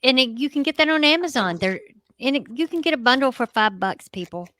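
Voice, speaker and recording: Her voice is high, expressive, brisk, and fairly bright. She's a middle-aged American co-host of a paranormal show, and her unscripted chat is folksy, salty-tongued, and laced with mild cursing.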